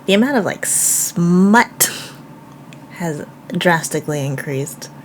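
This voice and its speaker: A woman's voice: on the low side, expressive, slow pace, a little hiss or hum. A woman streamer giving casual reaction commentary, playfully exclaiming and bantering.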